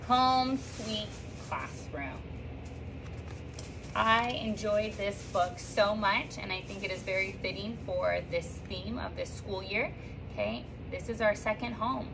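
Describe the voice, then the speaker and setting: This third grade teacher speaks at a medium pitch, reading upbeat and sing-song to children with lively rises and slips. She gives a welcome message and a picture book read-aloud indoors in a classroom reading corner. The background is noisy, and a phone or camera on a stand a few feet away picks her up.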